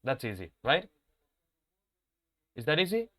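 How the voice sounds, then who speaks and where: A man who speaks natively, teaching a live online English lesson, explaining in mixed with English and slowly repeating example words. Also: mid-range voice, big pitch swings, sharp tone. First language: Spanish.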